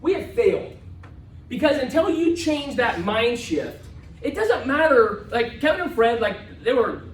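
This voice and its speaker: A man delivers a punchy motivational seminar to a live audience, hammering points home by repeating them. His voice sits high and leaps around animatedly. It is captured from across a reverberant room, with a faint hiss of background noise. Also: unhurried. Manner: energetic and emphatic, repeats phrases and tags lines with "right?". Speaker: motivational event speaker. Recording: echoey room, far from mic, faint noise.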